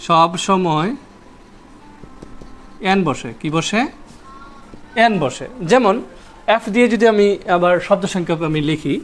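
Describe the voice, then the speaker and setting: A man with a high voice teaches a grammar lesson at a whiteboard. He goes over each rule several times and keeps asking his students what comes next. Faint room noise sits in the background. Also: expressive, measured pace, pauses often. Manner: repeats key points and quizzes students with rhetorical questions.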